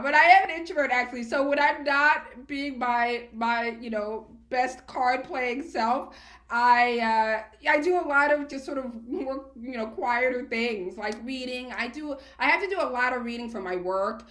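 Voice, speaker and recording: A woman's voice: a little high, a little slow, fairly bright tone. A woman, talking casually and chattily as a guest in an interview. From Queens, New York, United States. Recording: roomy, echoey sound.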